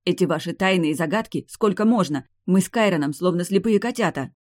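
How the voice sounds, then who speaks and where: Man reading a hot-tempered young vampire woman, raised pitch, sharp and insistent, dry audiobook sound. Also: lively intonation, normal speed, dry recording. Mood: indignant. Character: fiery young vampire woman, indignant, demanding.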